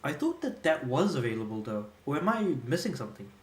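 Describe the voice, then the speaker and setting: A young man from Australia streams a game, talking fast in a slightly high voice with big pitch swings. He rambles in a laid-back, self-amused live-stream chat recorded in an echoey room.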